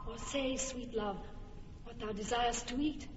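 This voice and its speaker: A woman's voice: on the high side, fairly even intonation, moderate pace, big-room sound, far from the mic, lo-fi sound, heavy background noise, close to an everyday voice. An actress playing an enchanted fairy queen, cooing tender verse in a radio drama. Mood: doting. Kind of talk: classic stage radio drama.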